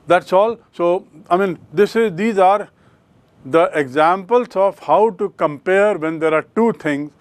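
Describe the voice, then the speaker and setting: A man's voice: on the high side, no room sound. A man with an Indian English accent teaching a grammar lesson, asking questions and answering them himself. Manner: explains slowly, asks and answers his own questions.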